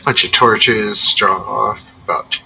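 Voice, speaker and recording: A man's voice: fairly low pitch, fairly even intonation, slow pace, gravelly, bright, forceful tone, a little hiss or hum, poor audio. A man running a tabletop game as game master, narrating casually.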